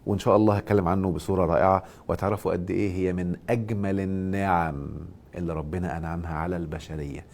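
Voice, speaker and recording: A man with an Egyptian accent hosting a live stream, giving a motivational and religious talk and answering viewers' questions. He stresses points loudly, then drops to soft asides. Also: low voice. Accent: Egyptian Arabic. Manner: emphatic, swings between loud stress and soft asides. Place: live social media stream.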